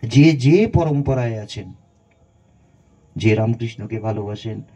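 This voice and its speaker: A spiritual guru gives a conversational devotional satsang talk, guiding listeners through breathing meditation. His voice is lowish, warm, and husky at a measured pace, captured on a dull lo-fi recording.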